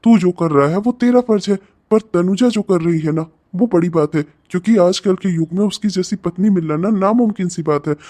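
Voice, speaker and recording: A man's high-pitched, dark-toned voice moves at a normal speed with few pauses as he acts out an easygoing young cartoon friend. Casual and reasonable, the character gently coaxes his buddy into seeing sense.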